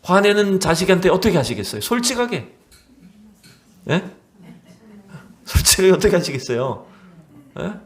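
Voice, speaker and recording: A man's voice: high-pitched, sing-song, normal speed, pauses often. A male pastor preaching a sermon, often asking the congregation questions and acting out quotes.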